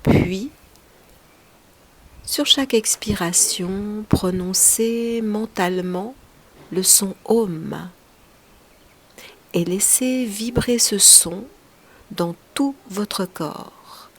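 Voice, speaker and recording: A woman guides a relaxation meditation in the role of a yoga teacher. Her mid-range voice stays soft and soothing, moving in short, unhurried phrases that often fade out on a breath.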